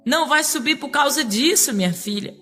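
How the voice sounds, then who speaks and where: A woman voicing Jesus as a solemn, stern grown man, speaking in slow, grave pronouncements. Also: high voice, animated, sharp tone, faint music behind. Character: solemn adult male Jesus, stern and calm.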